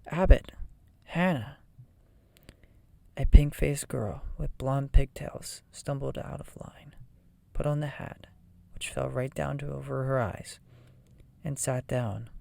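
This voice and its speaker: Soft whisper, ASMR audiobook reading, dark mellow tone, flat intonation, breathy murmur. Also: mid-range voice, unhurried, dry recording. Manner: soft whisper, often voiceless. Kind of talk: whispered ASMR reading of a children's fantasy novel.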